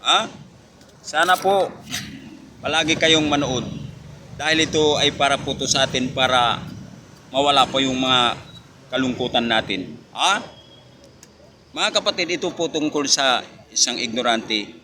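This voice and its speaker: A man's voice: mid-range voice, unhurried, pauses often. A man from the Philippines hosting a joke segment, telling a story casually and tossing in a questioning "ha?" between lines. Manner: keeps adding a questioning "ha?"; chuckles at his own jokes. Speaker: joke teller and host. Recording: noisy with passing vehicles.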